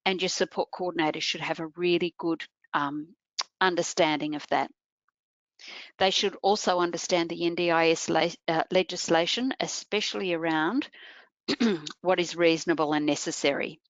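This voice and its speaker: A woman with a lower-pitched voice presents an informational webinar, guiding listeners through each point. Her voice comes over a computer mic, dry and close, with dull, muffled online audio. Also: steady tone, moderate pace, dry recording. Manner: explanatory, addresses listeners directly.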